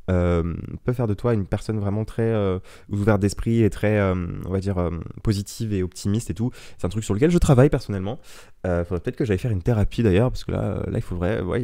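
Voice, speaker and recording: A man's voice: fairly low pitch, mellow, no room sound, studio quality. A young man hosting his own podcast, chatting casually in a rambling, digressive, self-mocking way into an old microphone. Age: young adult. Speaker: podcast host. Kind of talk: casual solo podcast chat. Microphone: ten-year-old microphone.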